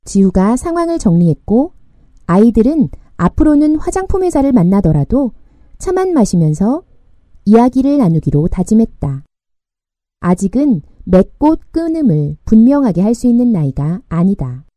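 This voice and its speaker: A woman narrating a young adult novel in a calm, measured audiobook reading on a close mic. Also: a little high, dry recording.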